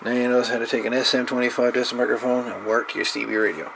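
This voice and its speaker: Here an electronics hobbyist talks fast in a steady, creaky, mid-range voice while demonstrating a DIY radio build. The tutorial is casual, unscripted, and rambling, done hands-on at an indoor workbench. Audio comes from a noisy camera microphone.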